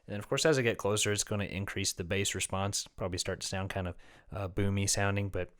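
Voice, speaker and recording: Still recovering from an illness, this music teacher has a slightly low voice, yet it comes across clear and resonant as he talks quickly. He rambles easily through a gear review and demo of a condenser mic, filling it with fillers. The small room is fairly dead, and with no pop filter his distance from the mic keeps varying.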